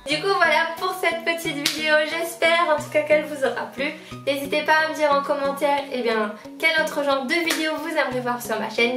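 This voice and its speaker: A young woman from La Réunion chats her way through a back-to-school haul, fond of everything she shows. Her slightly high voice sits back from the mic in an echoey room. Faint music plays underneath. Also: fairly bright tone. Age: 20s. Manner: chatty, keeps repeating how much she likes things. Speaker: lifestyle vlogger. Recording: roomy sound, mic at a distance, faint background music.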